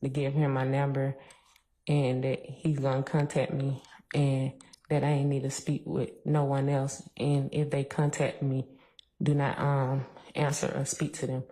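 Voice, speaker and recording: A woman's voice: extremely low pitch, completely flat delivery, a little slow, mellow. A woman giving testimony as a witness in court, subdued and hesitant as she explains. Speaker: trial witness. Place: courtroom, indoors.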